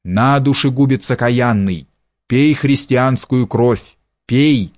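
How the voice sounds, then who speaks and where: A man reading an audiobook, voicing a poor peasant man who pleads slowly and then curses in fury. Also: medium pitch, a little mellow, close to an everyday voice. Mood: furious.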